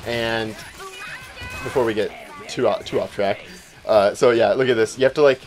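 A man's voice: mid-range voice, fairly even intonation, normal speed, over music. A young man hosting a let's play, giving casual, rambling, profane commentary and arguing with his co-host.

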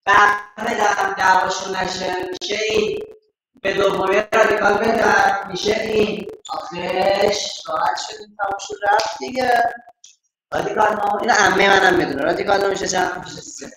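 A man's voice: high-pitched, fairly even intonation, pushed and bright, a little hiss or hum. Playful man teaching math in an echoey room. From Iran. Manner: playful, affectionate, talks to students as dear ones. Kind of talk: online class lesson.

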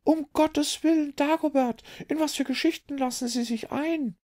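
A man's voice: animated, moderate pace, darkish tone. A man voicing a frightened genteel lady in an audiobook, crying out in alarm. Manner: shrill alarmed cries. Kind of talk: audiobook reading.

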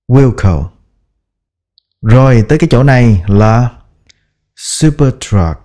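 A man leads a pronunciation lesson in a mellow, warm voice, patiently breaking words into sounds. He repeats each example word slowly and carefully. His pacing is unhurried throughout. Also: mid-range voice. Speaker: English pronunciation teacher. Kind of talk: slow instructional pronunciation lesson.

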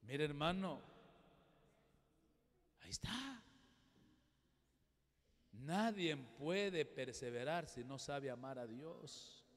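High-voiced pastor preaching emphatically. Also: male voice, expressive, very slow, pauses often. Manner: emphatic preaching, swinging from loud exhortation to quiet asides. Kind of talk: sermon. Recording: long hall reverb.

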